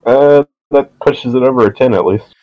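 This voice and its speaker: A man's voice: medium pitch, moderate pace, slight background noise. A man playing a druid in a tabletop role-playing game, thinking aloud hesitantly with many "uh"s. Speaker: player. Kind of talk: casual tabletop role-play. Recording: dull dry lo-fi mic.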